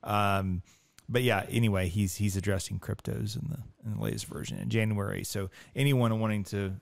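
A man's voice: fairly low pitch, animated, normal speed, creaky, dry recording. A middle-aged man with an American accent, hosting a casual podcast discussion. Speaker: podcast host, financial advisor.

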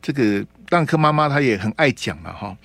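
A man's voice: medium pitch, lively intonation, brisk, creaky, a bit bright, no room sound, soft background music. Chatty male radio host, dry studio. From Taiwan. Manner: chatty, sprinkles tag particles. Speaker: radio talk show host. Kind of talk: radio political commentary. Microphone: studio mic.

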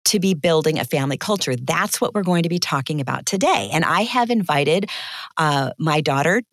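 Middle-aged female podcast host, low voice, dry close sound, chatty and casual. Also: dry recording. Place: small walk-in closet at home.

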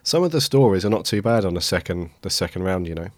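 A man hosting a casual podcast, his voice croaky and raspy from a head cold, a touch of man flu. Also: sits low, lively intonation, quick pace, no room sound. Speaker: podcast host.

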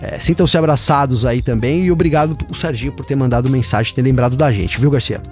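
A man's voice: medium pitch, quick pace, darkish tone, soft background music. A man with a Brazilian accent co-hosting a podcast, chatting in an easygoing way and often checking in with his co-host. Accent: Brazilian Portuguese. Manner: easygoing, peppers speech with tag questions to his co-host. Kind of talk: casual chat.

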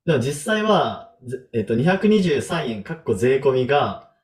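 A man's voice: mid-range voice, big pitch swings, normal speed. A man hosting a podcast in a casual, chatty way, thinking aloud with fillers. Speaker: podcast host.

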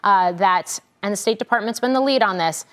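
American female news anchor, measured live reporting. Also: medium pitch, fairly bright tone.

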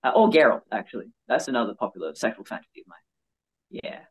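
A male-sounding voice in conversation, giving candid personal stories as an interview guest. The delivery is frank and animated, with a self-mocking streak and a medium pitch. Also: quick pace, slightly rough, rough recording.

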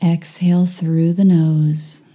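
A woman guides a meditation, giving calm, hushed, soothing instructions with long pauses between phrases. Her voice is on the low side.

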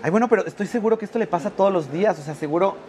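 A man with a Mexican Spanish accent and a high-pitched voice races through a gossip story as a guest on a live talk show, acting out the quoted voices. Heavy background noise fills the recording.

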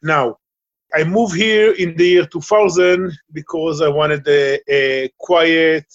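On a muffled line, an Israeli man speaks as a guest in a remote interview, his voice a little high with fairly even intonation. He is halting, searching for English words and using frequent fillers.

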